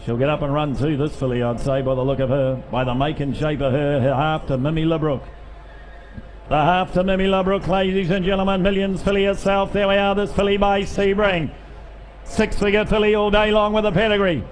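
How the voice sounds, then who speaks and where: A man's voice: high-pitched, steady tone, a little fast. A man working as a livestock auctioneer, repeating figures in a rolling bid chant and cajoling buyers between calls. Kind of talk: rapid auction chant with bid calling and sales patter. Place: public yearling auction sale, over noise. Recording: live sale with clear background noise.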